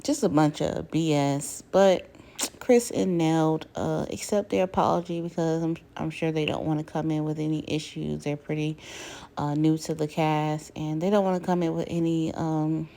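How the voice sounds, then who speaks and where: A woman's voice: sits low, fairly even intonation, moderate pace, vocal fry, dark tone. A woman giving a casual, chatty commentary recap, full of fillers and quoted lines. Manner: chatty, many fillers, mimics cast members' quotes. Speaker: reality TV commentator.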